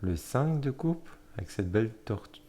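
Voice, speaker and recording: A man casually flipping through a tarot deck, talking in a hesitant way with many fillers and self-corrections, often pausing to admire a card. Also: fairly low pitch, animated. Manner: admiring, soft-spoken commentary.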